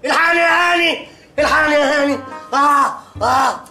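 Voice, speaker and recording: Stoned, panicking egyptian young guy, high bright whiny voice, fast gasping, faint music. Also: full character voice. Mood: panicked. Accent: Egyptian Arabic. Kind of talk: sitcom acting.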